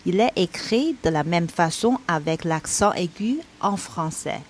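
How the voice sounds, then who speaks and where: Slow, careful woman teaching tones. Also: on the low side, animated, slight background noise. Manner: slow, careful, demonstrates tones by repeating syllables. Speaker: Chinese teacher. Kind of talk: slow pronunciation lesson.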